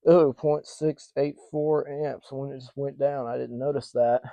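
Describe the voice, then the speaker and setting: Creaky and warm, the mid-range voice of this vintage fan channel host stays steady and a little slow as he casually demos an old fan, rambling and restarting. The audio has no echo, and its highs are cut off.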